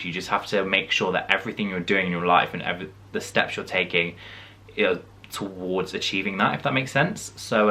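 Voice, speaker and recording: This twenty-something Midlands vlogger, with a low-pitched, sharp-toned voice, casually works through questions sent in by viewers. His talk is reflective and chatty, peppered with frequent "um"s and "like"s.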